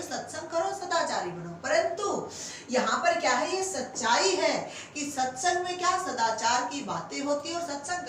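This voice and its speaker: High, lively Hindi grammar teacher woman. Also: heavy reverb, distant mic, a little hiss or hum, poor audio. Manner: asks rhetorical questions and answers them, calls students 'beta'; stretches example sentences slowly word by word. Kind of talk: classroom lecture for exam students.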